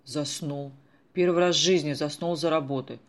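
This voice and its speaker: A reader voicing a dazed middle-aged male antiques appraiser in a storybook who talks in a bewildered, slow way. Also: medium pitch, fairly even intonation, lightly acted.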